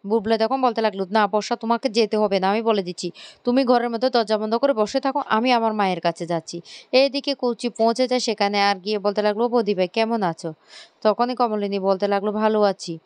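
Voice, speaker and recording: Woman, serial recap, dry close sound, stumbling quick delivery. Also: medium pitch, a little mellow, smooth, dry recording. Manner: quick, stumbling retelling with restarts and fillers. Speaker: vlogger retelling a TV serial episode. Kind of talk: spoken plot recap with acted dialogue.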